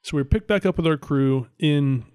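A man's voice: a little high, normal speed, darkish tone, smooth, no echo, clean studio sound. A man hosting and narrating a tabletop game podcast as game master, in a casual conversational style.

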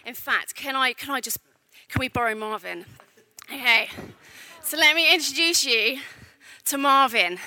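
Woman, preacher, sermon, big hall echo, projected voice, slightly high. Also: unhurried, long pauses. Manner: projects her voice, warm storytelling. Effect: big hall echo on her mic. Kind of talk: sermon with a handheld prop. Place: church hall with a congregation. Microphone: wearing a mic on the PA. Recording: echoey hall reverb.

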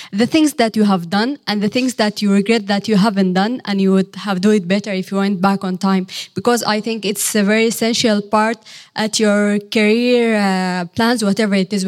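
A polite woman from Sudan asks the panel a question from the audience. She speaks earnestly. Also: mid-range voice. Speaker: audience member asking a question.

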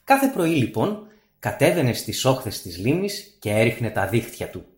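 Man telling a fairy tale, lively pitch, dramatic, roomy echo. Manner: expressive, dramatic storyteller. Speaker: narrator. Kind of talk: fairy-tale narration on radio.

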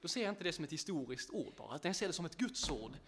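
Chatty, fairly high-voiced male preacher. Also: sing-song, a bit bright, slight background noise. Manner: chatty, laughs often, self-deprecating; speaks directly to listeners. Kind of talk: casual sermon.

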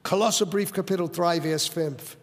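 High gravelly-voiced preacher man. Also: normal speed, big-room sound. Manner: emphatic, mixes English words into German. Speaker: pastor. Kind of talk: sermon. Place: church sanctuary.

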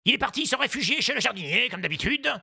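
A man voicing a brusque factory boss who shouts his answers in a storybook reading. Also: extremely high pitch, big pitch swings, fast talker, vocal fry, husky, voice pushed up, heavily acted. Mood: brisk. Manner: barking, shouting over factory noise.

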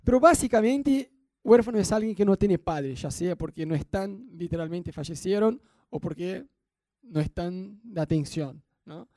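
High-voiced Rioplatense Spanish preacher, dark tone. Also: male voice, expressive, normal speed, no echo, studio quality. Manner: conversational, asks the congregation questions. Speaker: pastor. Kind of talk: sermon.

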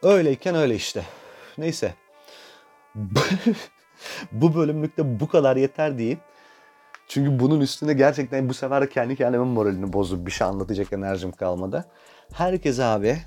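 A man's voice: mid-range voice, a little mellow. A young man hosting a podcast, telling a comic personal story in a crude, self-mocking way and swearing freely. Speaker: podcast host.

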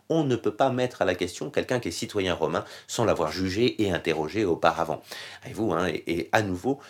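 A man giving a Bible study lesson, talking loosely with many pauses, fillers and restarts. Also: deep voice. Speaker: Bible teacher.

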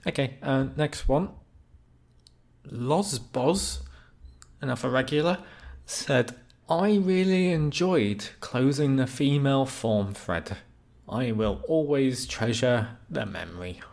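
A man in a relaxed podcast chat, unhurried and dry. His voice has a gravelly, creaky edge. He keeps a deadpan tone throughout. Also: mid-range voice. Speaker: podcast co-host.

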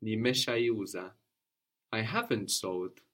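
A man's voice: fairly low pitch, slow pace, a bit bright. A man teaching a one-on-one language lesson, patiently prompting questions and repeating his student's answers.

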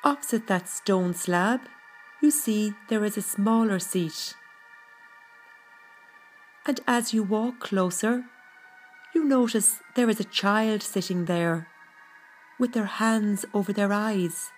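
A woman narrating a scripted guided meditation in a soothing, gentle, unhurried manner. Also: mid-range voice. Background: background music.

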